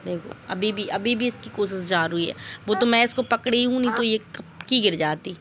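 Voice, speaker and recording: A young woman filming at home, talking slowly to her toddler daughter and repeating simple words for her to copy. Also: medium pitch. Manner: slow, coaxing, repeating words for the child. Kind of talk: on-camera talk to a toddler. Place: home, indoors. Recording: phone video with noticeable background noise and clicks.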